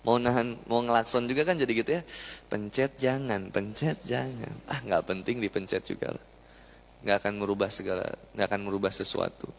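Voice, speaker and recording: A young man preaches a lively sermon to a live audience, chatting, joking, and asking the crowd questions. His lowish, gravelly voice is delivered flatly and fast, with slight background noise and long hall reverb.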